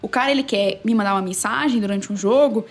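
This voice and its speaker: A woman sports journalist and narrator, a guest telling a story with quick, emphatic energy in a casual interview. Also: mid-range voice.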